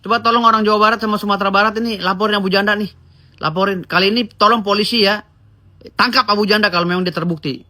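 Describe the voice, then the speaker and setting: A man's voice: high voice, steady tone, quick pace, pushed and bright. A man delivering a heated, scolding rant straight to the camera. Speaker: commentator. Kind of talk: angry video rant.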